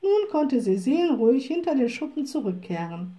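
A woman narrating a children's audiobook with calm, measured storytelling. Her voice is mellow and warm, pitched a little above average. She keeps a steady, even delivery from line to line.

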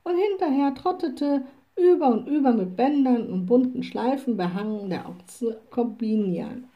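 A woman reading a children's storybook aloud in a calm, clear way. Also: fairly high pitch, a little slow, dull audio. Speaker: narrator.

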